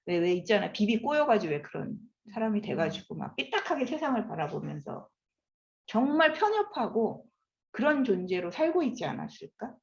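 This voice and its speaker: This is a classroom lecture by a woman in her fifties who talks at normal speed with a medium-pitched voice. She is animated and often asks the audience questions, and the echoey lecture room leaves the audio slightly dull.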